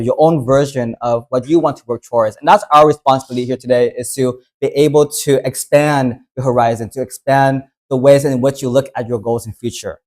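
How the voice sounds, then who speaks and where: Man, from the United States, workshop host, casual talk, filler-heavy phrasing, middle pitch. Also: a little mellow. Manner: conversational, loose, many fillers.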